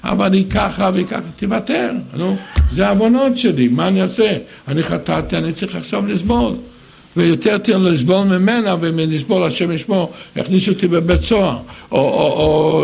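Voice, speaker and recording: An older man giving an animated sermon, acting out other people's words in raised voices. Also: high-pitched, vocal fry, slightly rough.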